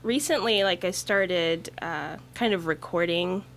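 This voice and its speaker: Lady musician on a radio show, lowish voice, lots of ums, easy chatty way. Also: a little slow, a bit bright. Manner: chatty, laughs often, many fillers. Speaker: guest musician. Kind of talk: casual interview chat. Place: radio studio.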